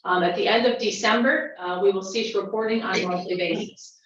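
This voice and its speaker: A woman who is a county official, giving a measured report at a formal board meeting with many pauses and fillers. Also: medium pitch, slight background noise. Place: county legislature meeting room. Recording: dull, echoey chamber audio from a distant mic.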